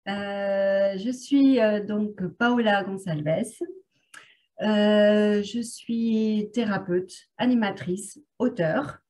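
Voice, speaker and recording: A woman's voice: mid-range voice, very slow, darkish tone. A woman therapist talking casually on a video call, hesitant and full of filler sounds. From France. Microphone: video call microphone.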